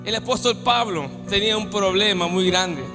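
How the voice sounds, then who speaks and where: A man from Peru preaching a sermon as pastor, with dramatic swings from soft asides to shouting. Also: high voice, normal speed. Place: church hall. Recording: long church hall reverb with faint music.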